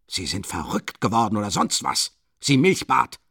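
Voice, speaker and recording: A man's voice: fairly low pitch, expressive, normal speed, creaky, a bit bright, slightly rough, no echo, clean studio sound, heavily acted. A man reading an audiobook, voicing a pompous middle-aged man who is flustered and defensive, blustering back at an accuser.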